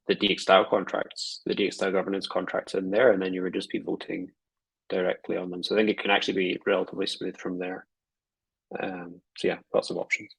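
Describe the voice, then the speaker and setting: Male developer, husky and gravelly, flat delivery, explaining over a dry video-call mic. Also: sits low, dry recording, rough recording. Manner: explanatory, casual filler words. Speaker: developer presenting at a team meeting. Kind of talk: online meeting discussion.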